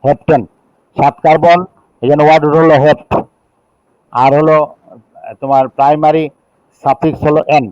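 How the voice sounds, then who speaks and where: A middle-aged male teacher with a Bangladeshi accent and a slightly high speaking voice explains chemistry step by step. He counts aloud and checks in with his students. The recording is dry and dull, with a lo-fi tone. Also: little pitch movement, a little mellow, clear, resonant tone, dry recording. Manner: reads rules slowly in English, then explains in Bengali, counting aloud. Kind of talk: classroom lecture.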